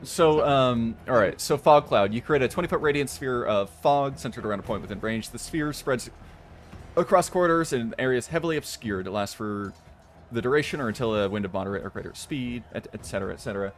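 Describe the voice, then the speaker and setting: A man's voice: mid-range voice, brisk, a little hiss or hum. A man chatting casually as a player on a tabletop game stream.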